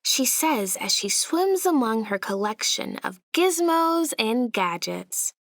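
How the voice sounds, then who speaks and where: This is a slow, unhurried reading of a children's tale by a woman with a fairly high, swooping, animated voice. Dramatic emphasis lands the way a storyteller would use it for little ones. The recording is close and dry, with no room sound.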